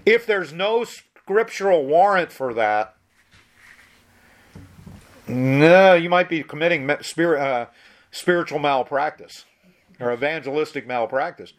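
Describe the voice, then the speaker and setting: A man's voice: fairly high pitch, expressive, unhurried, long pauses. A man preaching a sermon, reading Bible verses aloud and explaining them in an emphatic, conversational way with frequent restarts.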